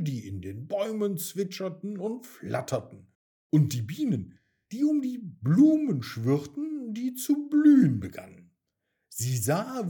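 A man narrating a children's story in a gentle storytelling manner. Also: on the high side. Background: soft background music.

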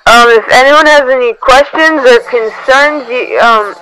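A woman's voice: high voice, measured pace, bright, forceful tone, rough recording. A woman playing a bossy young cleanup organizer in an amateur comedy drama, giving casual instructions to helpers. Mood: organizing.

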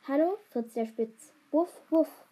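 A woman's voice: high voice, takes it slowly, dark tone, voice pushed up. A woman reading aloud, voicing a cheeky schoolboy who taunts his classmate in a mocking tone.

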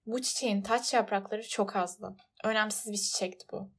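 A woman reads a storybook aloud in a measured, expressive narrating voice. Her pitch sits in the middle range and her delivery stays steady and even. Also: husky. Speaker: audiobook narrator.

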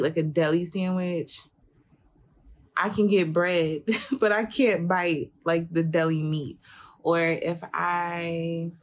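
A young adult woman with a slight lisp, chatting casually with frequent fillers as a co-host. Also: on the low side. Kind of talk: casual couple chat.

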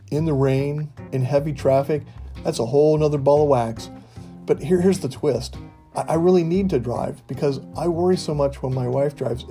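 An older man from the US talks through a casual monologue in a relaxed, mellow voice. He tells his stories in a folksy, wry way. Quiet guitar music plays behind him. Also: on the high side. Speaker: podcast host. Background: faint guitar music.

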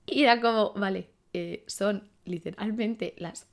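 Woman in her 20s from spain, podcast chat, rambly and thinking out loud, lots of "like" and "you know", medium pitch. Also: unhurried, gravelly. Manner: chatty, thinking aloud with many fillers and self-questions. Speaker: podcast host. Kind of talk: casual monologue.

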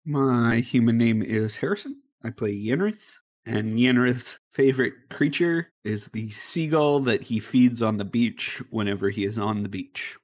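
A man playing in a tabletop game podcast, joking in a deadpan way. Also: mid-range voice, measured pace, hardly any pauses. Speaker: player. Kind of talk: casual tabletop game chat.

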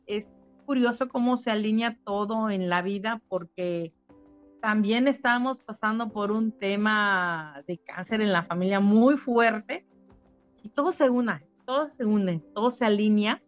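A woman's voice: mid-range voice, no room sound. A middle-aged woman, a spa owner, telling a personal testimonial in an emotional, repetitive storytelling manner. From Mexico. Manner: emotional storytelling, repeats phrases. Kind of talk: casual testimonial interview. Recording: dull lo-fi sound with faint music.

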